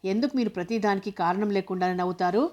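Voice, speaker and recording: A woman reading a teasing, quick-witted young woman. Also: mid-range voice, lo-fi sound, natural voice. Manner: teasing, bright and lively.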